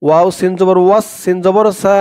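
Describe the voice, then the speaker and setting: A man with a Bangladeshi Bengali accent teaching the Quran word by word. He draws out slow recitation and gives quick spoken explanations in between. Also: high-pitched, steady tone, mellow, clear, resonant tone.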